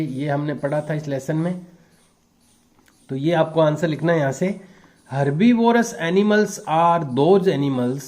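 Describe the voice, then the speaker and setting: A male teacher, his voice pitched a little high for a man. He dictates answers at an unhurried, deliberate pace, translating each phrase as he goes. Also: darkish tone. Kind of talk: classroom lesson, bilingual explanation.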